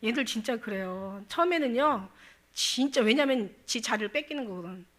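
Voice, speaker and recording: A middle-aged woman pastor preaching a sermon with fervent, emphatic delivery, breaking into loud outbursts and laughing often as she speaks. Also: fairly high pitch, lively intonation, moderate pace.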